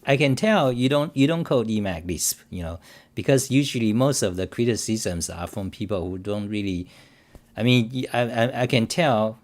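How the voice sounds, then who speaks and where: On his own livestream, a man with a lowish voice and lively intonation talks off the cuff about code at a moderate pace. He rambles, keeps restarting, and repeats himself emphatically and defensively while reading chat aloud and answering viewers directly.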